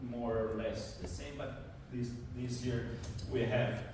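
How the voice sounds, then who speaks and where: A man's voice: mid-range voice, steady tone, slow. A man, lecturing informally to a university class and repeating himself as he explains. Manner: informal, repeats words while teaching. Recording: echoey classroom from far off with noise.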